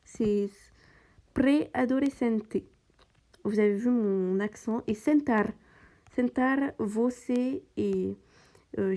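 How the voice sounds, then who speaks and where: This gaming channel host, a French speaker, talks through her game in a casual, halting way, with many fillers and false starts. Her voice is on the high side with a dark tone.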